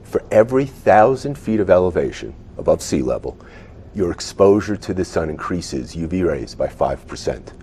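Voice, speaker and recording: A man on a charity board, laying out facts in a measured way. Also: low-pitched, big pitch swings, dark tone, a little hiss or hum. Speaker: foundation board member.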